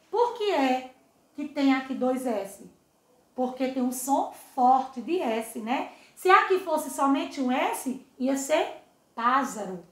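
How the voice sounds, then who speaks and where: A woman teaching a recorded lesson to young children, with a high voice and a slow, patient pace. She repeats words, stretches them out and keeps asking if they see, fond of her pupils. The room gives her voice a clear echo. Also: a bit bright. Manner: slow, drawn-out, repeats words and asks "tá vendo?"; affectionate with pupils. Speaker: primary school teacher.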